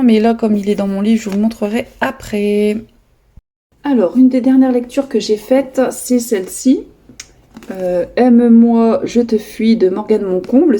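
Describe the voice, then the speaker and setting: A woman vlogger chatting casually about her latest books, hesitant with many pauses and fillers. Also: on the high side, dark tone. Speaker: book vlogger. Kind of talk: casual chat showing books.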